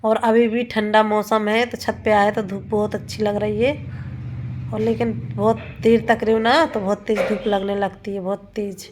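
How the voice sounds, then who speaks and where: Against a noisy background, a mid-range, level voice at moderate pace belongs to a vlogger in her thirties with a sore throat. She rambles chattily while doing chores around her home kitchen and rooftop, often self-correcting.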